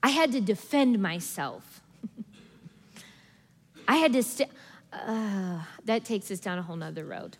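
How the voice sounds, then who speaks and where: A woman preaching a sermon in a lively, conversational way, often acting out people's inner thoughts. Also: mid-range voice, slow pace, pauses often, breathy edge. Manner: animated, acts out congregation's inner voices with laughs. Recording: long hall reverb.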